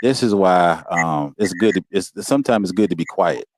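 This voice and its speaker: A man's voice: sits low, expressive, normal speed, a little mellow. An American man telling a personal story as a podcast guest, in a casual, heartfelt way. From United States. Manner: informal, heartfelt, peppers speech with "man" and "you know what I'm saying".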